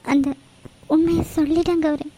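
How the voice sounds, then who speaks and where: A woman voicing a distressed young wife in a cartoon, who speaks haltingly through tears. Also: sits high, flat delivery, warm tone, slight background noise, lightly acted, poor audio. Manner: halting, tearful. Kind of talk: cartoon voice acting.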